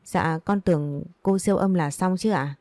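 A woman's voice: lowish voice, moderate pace, darkish tone, no room sound, close to an everyday voice. A woman reading a story, voicing a frightened young pregnant woman who pleads politely and fearfully.

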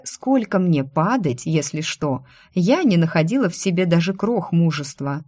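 A woman's voice: lowish voice, no room sound, studio quality. Wry woman reading a fantasy story. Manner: lively, wry, expressive reading. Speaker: audiobook narrator. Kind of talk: first-person fantasy narration.

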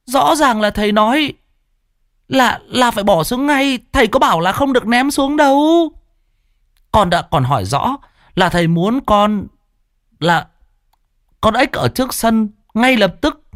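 A sly cheeky young disciple. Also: male voice, extremely high pitch, expressive, fairly bright tone, dry recording, clean studio sound, voice pushed up, exaggerated voice. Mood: righteous arguing. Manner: fast, indignant arguing.

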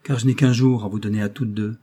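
Young knight, desperate and urgent, low mellow voice , read by a man. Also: steady tone, quick pace, husky. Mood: anguished. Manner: urgent, despairing. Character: anguished young knight returning from exile, male. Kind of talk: audiobook reading.

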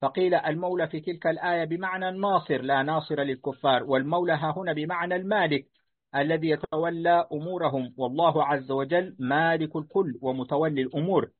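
High-pitched man reading to his teacher. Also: fast talker. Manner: deferential, answering corrections politely. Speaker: student reading a book aloud to his teacher. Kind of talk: reading a classical text aloud. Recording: tinny phone-like line.

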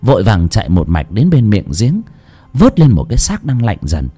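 A man's voice: on the low side, huge pitch swings, normal speed, warm tone, husky. A man narrating an audiobook story dramatically.

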